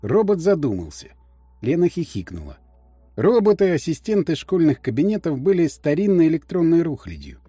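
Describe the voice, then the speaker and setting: Expressive male storybook narrator. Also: fairly high pitch, moderate pace, husky, no room sound, soft background music. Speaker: audiobook narrator. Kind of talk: scripted narration.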